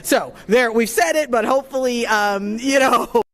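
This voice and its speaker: Female event host, slightly high pitch, chatty, improvised live patter. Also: moderate pace. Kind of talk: unscripted live hosting, casual.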